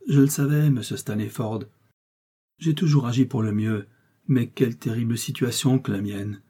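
A man's voice: medium pitch, moderate pace, warm tone, slightly rough, natural voice. A man voicing a loyal old male servant who speaks earnestly and pleads, in an audiobook reading. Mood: pleading.

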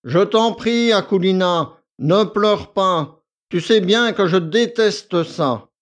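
A man's voice: sits high, animated, slow pace, pitched above the performer's own voice. A man voicing an arrogant, lazy young male valet who talks in a nasal, drawling, condescending way. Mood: bored, condescending.

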